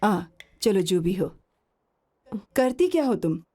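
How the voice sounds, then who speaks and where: A woman's voice: medium pitch, big pitch swings, takes it slowly, mellow, husky, heavily acted. A woman dubbing a nosy, bossy sister who questions and mocks her brother's girlfriend. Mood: prying. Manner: prying and mocking.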